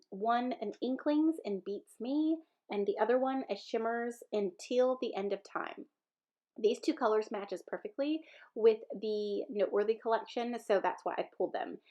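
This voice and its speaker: A scrapbooking video creator, a Southern American woman, narrates a chatty craft voice-over in a slightly high, somewhat mellow voice. She sounds stuffy-nosed from a sinus infection and rambles with fillers and self-corrections, and the recording is a bit muffled.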